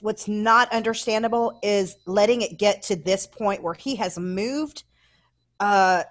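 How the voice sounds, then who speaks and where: A woman from the American South co-hosting a casual chat, animated and playful, laughing often. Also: medium pitch. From Southern United States. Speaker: podcast co-host.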